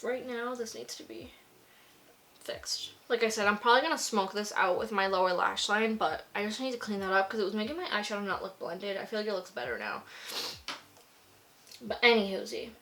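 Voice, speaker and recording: A woman's voice: medium pitch, expressive, brisk, bright, forceful tone. A young woman vlogger chatting casually while doing her makeup, gushing and peppering her talk with "like". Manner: gushing, filler-heavy with frequent "like". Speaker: beauty vlogger.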